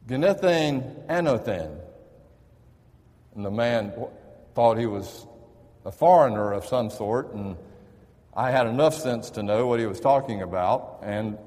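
A man's voice: medium pitch, darkish tone, long reverb tail. A man preaching a sermon in a conversational, storytelling manner. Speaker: pastor.

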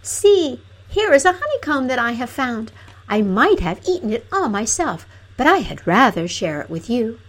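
Woman doing a soft timid princess, goes way up high, very bouncy. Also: sing-song, normal speed. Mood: pleading. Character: gentle young princess, timid and sweet.

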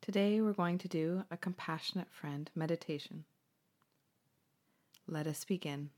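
Gentle woman guiding a meditation. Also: lowish voice, slight background noise. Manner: slow, soothing, gentle pauses. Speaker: meditation guide. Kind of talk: guided meditation.

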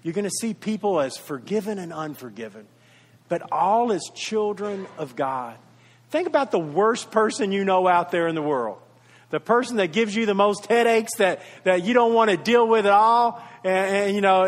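A man preaching a sermon as pastor, earnest, rising to loud emphasis and then dropping to soft, intimate tones. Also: high voice, animated, moderate pace. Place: church sanctuary. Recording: long reverb of a large church hall.

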